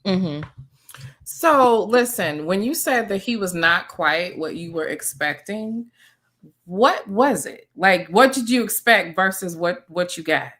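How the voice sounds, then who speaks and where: Woman interview host, bright forceful voice, chatty, encouraging, jumps in a lot. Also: mid-range voice, expressive, slow pace. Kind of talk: casual interview.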